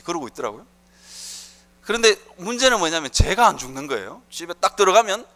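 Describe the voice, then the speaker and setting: A man's voice: on the high side, sharp tone. A middle-aged man with a Gyeongsang accent, preaching an impassioned sermon full of rhetorical questions. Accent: Gyeongsang Korean. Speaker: pastor.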